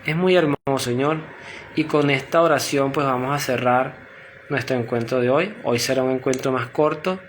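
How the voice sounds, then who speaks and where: A man leading a spoken prayer and reflection, earnest and unhurried, speaking directly to God. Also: mid-range voice, a little hiss or hum. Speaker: prayer leader.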